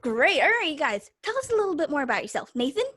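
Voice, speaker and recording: A young woman with a high voice hosts a live online show. She is upbeat and chatty, speaking directly to her audience. The sound comes through a video call microphone. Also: very animated, fast, fairly bright tone. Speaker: host. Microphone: video call mic.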